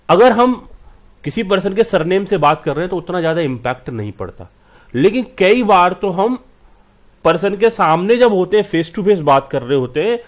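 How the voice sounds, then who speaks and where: Male teacher, fairly high voice, lecturing a class, fatherly, checks students follow, everyday examples. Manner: talks to students fondly and checks they follow; explains with everyday examples and acted-out lines.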